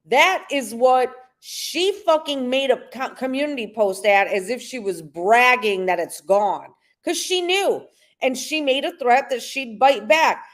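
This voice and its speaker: A woman on her own livestream, venting in an angry, profane rant. She shouts and swears freely. Her voice sits somewhat high for a woman. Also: animated, unhurried.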